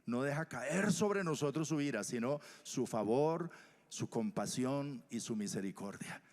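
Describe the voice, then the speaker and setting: Man preaching, mid-pitched voice, long church-hall reverb, loud then whispered. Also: lively intonation, unhurried. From Colombia. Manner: shifts from loud emphatic to soft whispers. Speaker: pastor. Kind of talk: sermon.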